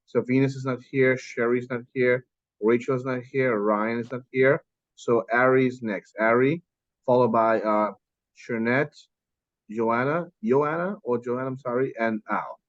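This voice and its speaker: Brisk man chairing a meeting, muffled audio. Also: mid-range voice, fairly even intonation, no echo. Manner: brisk, reads names off a list. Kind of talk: running a speaker list. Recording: dull, lo-fi video-call audio.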